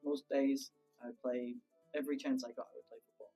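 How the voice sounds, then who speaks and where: A British man in his thirties, a teacher, answers pupils' questions in casual interview style, cheerful and easygoing with lots of ums. His mid-range voice has a dark tone and stays level as he talks briskly. Soft music plays behind him on a poor-quality recording.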